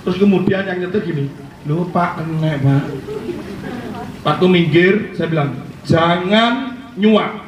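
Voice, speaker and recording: A man's voice: a little high, moderate pace, long pauses. A man with a Javanese accent, a pastor telling funny stories in a chatty way during a sermon. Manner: chatty storytelling, mixing Javanese and Indonesian, often laughing. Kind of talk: sermon with humorous anecdotes. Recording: echoey hall, mic at a distance, faint noise.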